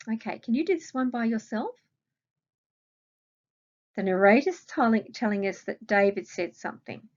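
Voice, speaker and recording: In a muffled recording, a medium-pitched woman with an Australian accent teaches a grammar lesson to children as a primary school teacher, explaining patiently and asking them questions.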